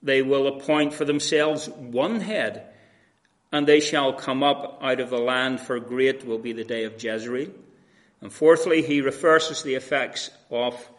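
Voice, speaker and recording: A man's voice: medium pitch, a little slow. A man preaching an earnest, conversational sermon, often restarting his phrases.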